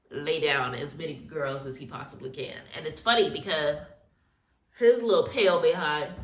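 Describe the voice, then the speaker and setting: A woman's voice: fairly low pitch, a bit bright, reverberant. A woman hosting a casual reality TV recap while getting ready, talking in a sassy, opinionated way full of slang and asides. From Haitian heritage.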